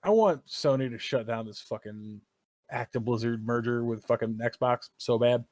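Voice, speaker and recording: A man co-hosting a gaming podcast, talking casually, opinionated and animated, and he swears often. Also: medium pitch, moderate pace, no room sound. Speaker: podcast co-host. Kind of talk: casual chat.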